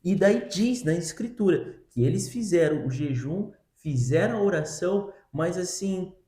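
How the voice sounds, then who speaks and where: A co-host of a Bible reading podcast, this man explains a passage casually and conversationally, packing his talk with fillers like "né" and "tipo assim." His high-pitched voice has a dark tone and lively intonation, and he keeps a measured pace in an echoey room.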